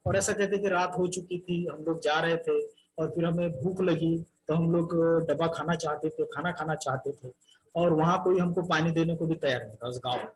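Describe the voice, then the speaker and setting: A man's voice: a little high, moderate pace, low-quality recording. A man giving a Dharma talk to a gathering as a Buddhist teacher. He earnestly retells a life story in the first person and calls his listeners brothers and sisters.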